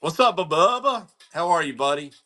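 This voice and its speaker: A man's voice: a little high, animated, moderate pace, bright, forceful tone, faint music behind. A man hosting a live card-breaking stream, chatting casually in slang and greeting viewers by name. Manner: laid-back, slangy, talks to viewers by name. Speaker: card-breaking livestream host.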